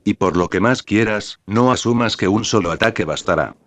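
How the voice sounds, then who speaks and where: A man voicing a furious, desperate young woman who shouts orders angrily. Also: lowish voice, moderate pace, lightly acted. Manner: angry shouting.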